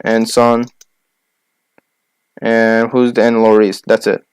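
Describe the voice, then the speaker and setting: Smooth-voiced young man, podcast co-host. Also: on the low side, completely flat delivery, no echo. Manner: listing names quickly, argumentative. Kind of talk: casual sports chat.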